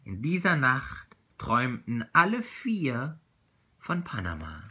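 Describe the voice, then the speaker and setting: A man reading a children's story aloud in an expressive, unhurried way. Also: medium pitch, slightly rough. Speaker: reader.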